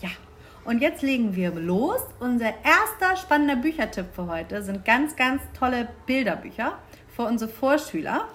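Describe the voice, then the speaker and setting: A woman reading picture books aloud for young schoolchildren, in a bright, lively storytelling manner. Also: on the high side.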